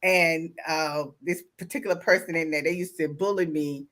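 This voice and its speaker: A woman's voice: sits low, normal speed. An older woman with a Southern US accent, hosting a casual talk show and telling stories with lots of fillers. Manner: animated storytelling with many fillers. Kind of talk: casual chat.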